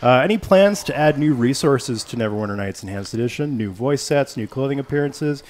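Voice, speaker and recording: A man's voice: mid-range voice, animated, a little fast, a little mellow, slight background noise. A man co-hosting a casual game-studio livestream, playful and joking as he reads out questions from the chat.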